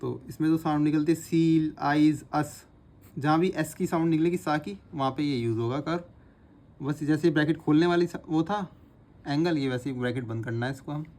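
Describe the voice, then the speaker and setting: A man teaching shorthand, explaining each stroke patiently and repeating the sounds slowly as he writes them. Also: fairly high pitch, darkish tone. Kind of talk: instructional lesson, repeating drills aloud.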